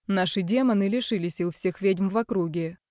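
A woman voicing a composed young man who speaks in a hushed, measured way. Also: mid-range voice, no echo, studio quality, natural voice. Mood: calm. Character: calm composed young man, quietly reasoning.

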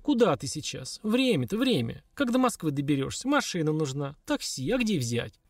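Guy doing a fussy older hostess begging guests to stay, high and lively. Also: moderate pace, no room sound, studio quality. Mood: pleading. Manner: imploring, fussy. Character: older lady hostess, pleading, tipsy.

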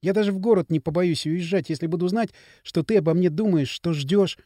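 A man's voice: high-pitched, brisk, mellow. A man voicing a lonely young woman who speaks in a pleading, tearful way.

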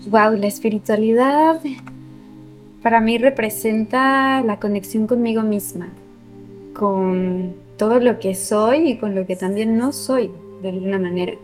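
A woman hosting a spirituality radio program, speaking calmly and thoughtfully in full, articulate sentences. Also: mid-range voice, a little slow, soft background music. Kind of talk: calm spiritual reflection on radio. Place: community radio studio.

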